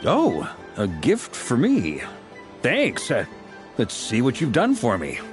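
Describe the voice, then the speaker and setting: A man's voice: mid-range voice, wildly swooping pitch, slow pace. A man playing a mild-mannered, considerate leader in a video game, hesitant and polite. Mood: pleasantly surprised. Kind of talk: video game character acting. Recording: music playing behind the voice.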